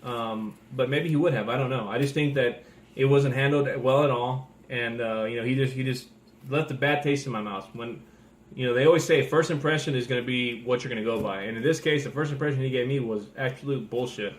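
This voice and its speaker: A man with a middle-pitched voice rants casually in an echoey room. He sounds blunt and disgruntled, swearing as he lays out his opinions like a collector talking to viewers. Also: a little fast. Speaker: toy collector giving a video rant.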